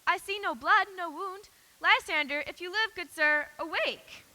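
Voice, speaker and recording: A woman's voice: very high voice, normal speed, pushed and bright, heavily acted. A woman playing a pleading lovelorn noblewoman. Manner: pleading, emphatic verse. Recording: echoey hall.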